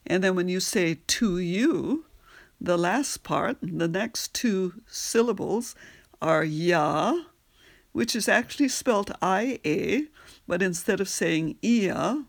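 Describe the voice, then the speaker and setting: A woman's voice: mid-range voice, animated, slow pace. A woman teaching on an audio lesson, patiently spelling out words and repeating phrases. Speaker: language teacher. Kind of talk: slow audio lesson on pronunciation and singing.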